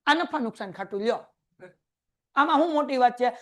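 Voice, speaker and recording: A man with a Kathiawadi Gujarati accent teaching an accounting class in a classroom, firing quick questions at his students. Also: very high voice, expressive, bright, forceful tone. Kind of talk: lively classroom lecture. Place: classroom with a board.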